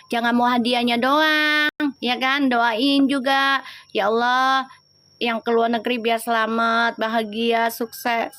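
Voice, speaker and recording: Chatty high-voiced woman. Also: fairly bright tone, no echo. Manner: chatty, teasing, slangy, switches to prayer. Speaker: tarot reader. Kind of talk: livestream tarot reading and chat with viewers.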